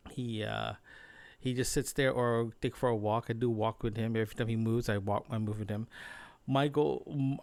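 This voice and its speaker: A solo podcaster who works remotely as a designer rambles through a casual audio-diary monologue, often rephrasing himself. His voice is mid-range with no echo.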